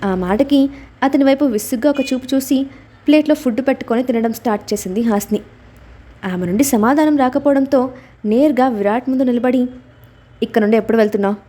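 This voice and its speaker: A woman narrating a scripted audio story in an even, steady reading voice. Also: high-pitched, fairly quick.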